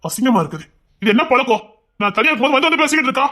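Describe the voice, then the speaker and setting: Male voice actor as an angry young husband, brisk, bright and harsh, serial-drama style. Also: extremely high pitch, sing-song, heavily acted. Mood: scolding. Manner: harsh, scolding.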